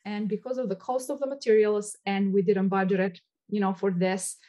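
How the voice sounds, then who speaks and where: A woman's voice: mid-range voice, fairly even intonation, brisk, dark tone. A woman with an Albanian accent and non-native English phrasing, speaking earnestly in an interview as a shelter coordinator.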